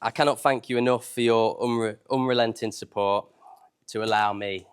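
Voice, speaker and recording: A man's voice: medium pitch, steady tone, normal speed, smooth. A man delivering an informal, humorous wedding speech live at a reception. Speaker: wedding speaker.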